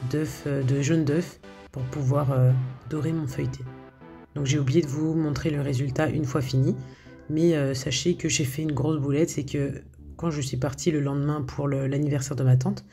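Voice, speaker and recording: With a mellow, low-pitched voice, a woman talks casually over a video of her home cooking. She is a home cook presenting her recipes, and she hesitates a lot, using many filler sounds and restarting often.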